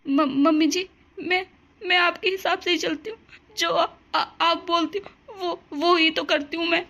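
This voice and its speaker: A woman voicing a gentle young daughter-in-law in a cartoon story, speaking softly and hesitantly. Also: very high-pitched, a little slow, highs cut off. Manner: soft, pleading, hesitant.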